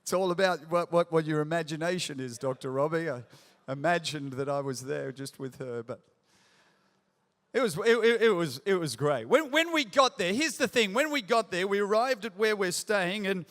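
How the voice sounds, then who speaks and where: A man in his forties preaching to a large church crowd, his voice pitched high and bright. He tells his story with self-mocking humor and builds up to punchy questions. The sound rings out with a long hall reverb. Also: expressive, normal speed. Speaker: pastor. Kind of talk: sermon.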